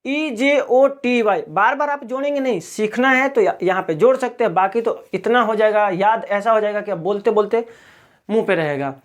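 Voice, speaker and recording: A man from Bihar, India, teaches a classroom-style video lesson as a question-and-answer drill, posing each question and answering it himself. His voice sits high and his pace is moderate.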